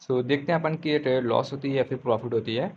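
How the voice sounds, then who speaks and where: A man's voice: medium pitch, darkish tone, lo-fi sound, a little hiss or hum. A man giving an informal, casual screen-share tutorial on trading, repeating himself and often correcting his words mid-sentence. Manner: says he is speaking slowly on purpose today.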